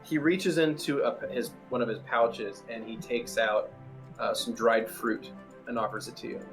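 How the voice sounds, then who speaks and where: A man runs a tabletop game as game master, in a mid-pitched voice. He builds his descriptions in halting, casual pieces over faint music. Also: a bit bright. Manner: halting, conversational, piecing descriptions together. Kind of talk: improvised tabletop game narration.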